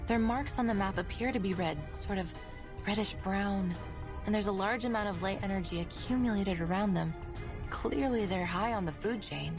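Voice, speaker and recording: A woman voicing a composed, protective adult scholar in game dialogue, with a measured, explanatory delivery. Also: mid-range voice, natural voice. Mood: alert. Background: game music.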